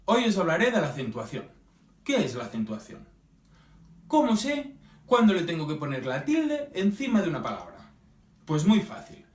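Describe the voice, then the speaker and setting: A man explains a grammar lesson, his pitch swooping high and low as he stretches out each example word. He often pauses to check in with the class. He sounds a little far the mic in an echoey room. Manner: lively, drawn-out examples, checking in with "¿sí?". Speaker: teacher.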